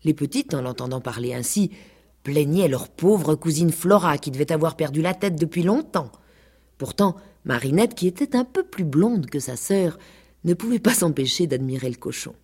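A woman with a low, husky voice reads a children's story aloud. Her delivery is expressive and playful, with lively rises and falls in pitch. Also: moderate pace. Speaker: actress reading aloud. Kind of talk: storybook reading. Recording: 1980s radio recording.

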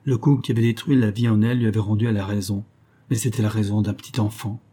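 A man narrating a literary audiobook in a measured, dramatic way. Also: fairly low pitch, fairly even intonation, dark tone.

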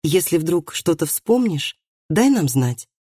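A reader voicing a kind, reassuring male village doctor in an audiobook, speaking calmly and gently. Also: mid-range voice, slow pace, husky, dry recording, clean studio sound, exaggerated voice. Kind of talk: audiobook dialogue reading.

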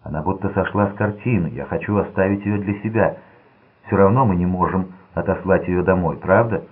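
A man voicing an unstable young gangster son who speaks in a slow, sulky, menacing way. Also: sits low, breathy edge. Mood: pleading. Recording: tinny lo-fi narrow-band audio.

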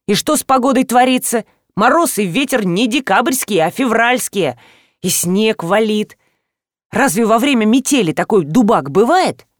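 A woman voicing a grumbling middle-aged male forensic expert in an audiobook, gruff and complaining. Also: fairly high pitch, lively intonation, moderate pace, no room sound, clean studio sound, lightly acted. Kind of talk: audiobook reading.

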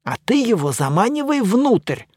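A man's voice: extremely high pitch, big pitch swings, normal speed, darkish tone, breathy edge, no echo, clean studio sound, voice pushed up, full character voice. A man voicing a scheming mummy servant who eagerly plots an ambush.

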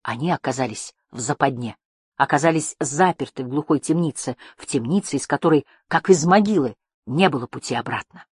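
A woman narrating a fantasy audiobook in a calm, steady way. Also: rumbling low, fairly quick, breathy edge, dry recording, clean studio sound.

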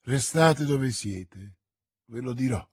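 A man reading as a scheming noblewoman, cold and composed, in an audiobook of a classic novel. Her voice sits low and controlled, with a husky edge. It sounds dry and close, with no room around it. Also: expressive, slow, mellow, no room sound. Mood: calm. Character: scheming cold-blooded noblewoman, calm and ruthless.

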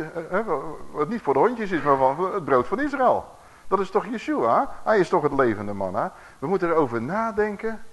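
A man preaching a sermon, reading Bible verses slowly and putting questions to his listeners. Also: a little high.

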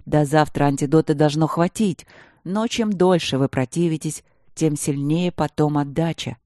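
A narrator voicing an old male court mage who gives measured, formal advice. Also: mid-range voice, a little mellow, no echo, clean studio sound, lightly acted. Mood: concerned.

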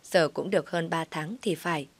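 Low-voiced woman telling a story. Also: normal speed, slightly rough, no echo. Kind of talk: first-person story narration.

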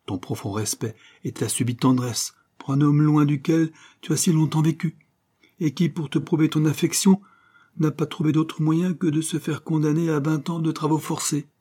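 A man's voice: on the high side, fairly even intonation, moderate pace, mellow, slightly rough, pitched above the performer's own voice. A man reading an audiobook, voicing a scheming, seductive female adventuress who coaxes and persuades. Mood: mocking. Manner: coaxing, persuasive.

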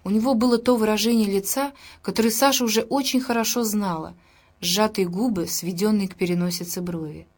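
Woman reading a novel aloud, calm steady narration. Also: mid-range voice, a little fast. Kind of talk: audiobook narration.

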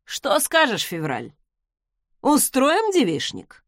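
A woman's voice: high voice, huge pitch swings, slow, no room sound, studio quality, heavily acted. Woman reading as a smug charming young guy. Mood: teasing. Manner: teasing, ironic. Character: smug, charming young male academy student.

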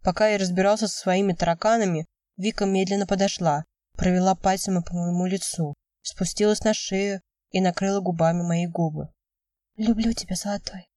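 A woman narrating an audiobook in first person with measured, steady reading. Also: on the low side, no echo, studio quality, distant mic. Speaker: audiobook reader.

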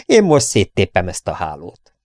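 Guy reading a mocking young killer, laughs a lot, lowish voice, dry sound. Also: wildly swooping pitch, darkish tone, no room sound, heavily acted. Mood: gloating, menacing. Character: gloating young male murderer, sneering villain. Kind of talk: audiobook character reading.

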